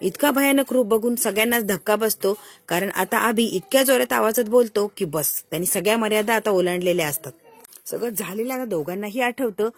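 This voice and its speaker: A woman narrating, retelling a TV serial episode in steady storytelling. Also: medium pitch, a little fast, slightly rough.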